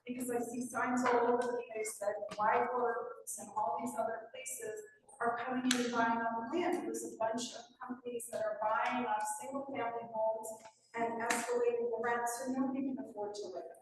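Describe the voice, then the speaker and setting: A frank woman in her fifties gives a public comment at a town meeting, stacking short, earnest clauses in a slightly high voice. She is heard from a distance in a large meeting hall with a long, booming echo. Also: fairly even intonation, moderate pace, noisy background. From Rockland County, New York. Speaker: resident speaking at a public meeting. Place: fire department meeting hall. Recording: echoey hall from a distant mic.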